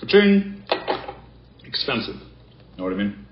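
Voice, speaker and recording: An actor playing a sarcastic, dismissive business owner in a TV drama, heard through a roomy, dull soundtrack. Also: male voice, deep voice, very animated, a little fast, noisy background. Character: gruff skeptical male business owner.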